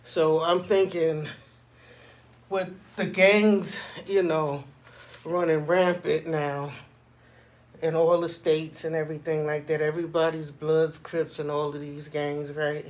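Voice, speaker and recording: Guy vlogging, kinda high voice, just talking casually about what he thinks, always checking you follow. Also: level tone, takes it slowly. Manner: conversational, frequently checking in with "you know what I'm saying". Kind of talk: casual opinion monologue.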